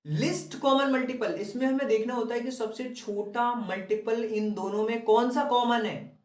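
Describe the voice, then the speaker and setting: A man's voice: very high-pitched, steady tone, moderate pace, reverberant, distant mic. A man teaching a maths lesson, asking the class questions and answering them himself.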